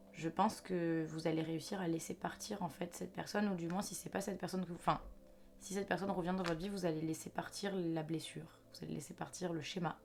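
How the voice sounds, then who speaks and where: A woman's voice: on the low side, vocal fry. A young woman giving a chatty, reassuring intuitive card reading to viewers, with faint music behind her. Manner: chatty, reassuring, restarts and fillers. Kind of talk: casual spoken reading to viewers.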